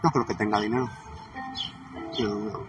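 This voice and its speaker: A man's voice: lowish voice, flat delivery, moderate pace, music in the background, lightly acted. A man doing a rambling gossipy Mexican woman. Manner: rambling, chatty, swears, trails off mid-sentence. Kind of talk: comedic character monologue. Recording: distant mic with noisy ambience.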